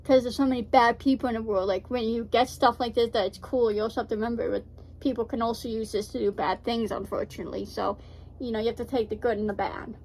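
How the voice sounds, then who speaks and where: A talkative woman with a fairly high voice, hosting a reaction video. She rambles in a casual way, full of fillers and side remarks. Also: fairly even intonation, fast, a little mellow, slight background noise, low-quality recording. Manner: chatty, rambling with many fillers. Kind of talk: casual chat.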